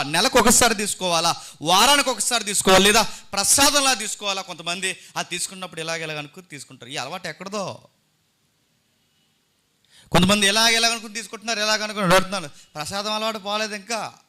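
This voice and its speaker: High, bright-voiced preacher man. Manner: preaching with rhetorical questions and scripture reading, swings from loud to quiet. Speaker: pastor. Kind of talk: sermon.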